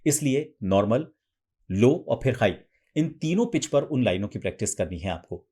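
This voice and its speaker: A man's voice: lively intonation, normal speed, over loud music. Hindi-speaking male voice coach explaining patiently. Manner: patient, step-by-step explaining, demonstrates lines in a raised feminine pitch. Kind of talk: instructional explanation.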